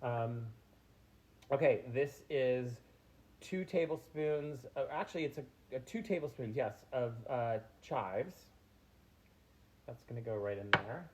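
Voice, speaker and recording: A man's voice: medium pitch, animated, slow pace, long pauses, slight background noise. A man hosting a casual home cooking demonstration in his kitchen, chatty and gushing, with frequent ums. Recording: tinny phone-like audio.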